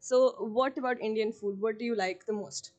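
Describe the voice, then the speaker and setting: A woman from Pakistan hosting a casual podcast interview, animated and teasing, laughing often. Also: fairly high pitch, normal speed. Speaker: podcast host.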